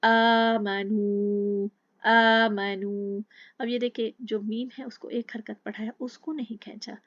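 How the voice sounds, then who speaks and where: A woman teaching tajweed, patiently explaining each letter and then slowly chanting the verse. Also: on the high side, steady tone, mellow, husky, dry recording, lo-fi sound. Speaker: Quran recitation teacher. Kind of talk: slow tajweed lesson with recited examples.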